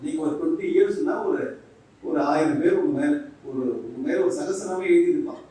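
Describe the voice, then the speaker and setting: A man's voice: on the high side, normal speed, warm tone. A man, a monk giving a humorous lecture to teachers, joking and acting out little dialogues. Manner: jokes and acts out little dialogues, switching between English and Tamil. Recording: echoey hall from far off.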